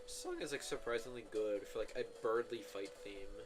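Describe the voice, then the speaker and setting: A man with a fairly low voice streams a video game, speaking briskly in loose, rambling commentary packed with filler words and self-corrections, while game music plays behind him.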